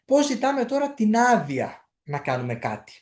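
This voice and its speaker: A man giving a casual spoken language lesson, explaining patiently and repeating phrases slowly so they can be copied, with frequent hesitant fillers. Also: high voice, sing-song, darkish tone. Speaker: language teacher.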